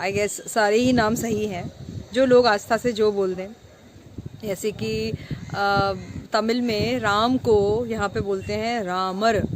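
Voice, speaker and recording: A young woman giving a walking tour and telling a temple story outdoors, chatty and stopping for fillers as she mixes in English words. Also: mid-range voice. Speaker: travel vlogger. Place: busy temple street outdoors. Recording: loud street noise outdoors. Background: traffic and crowd ambience.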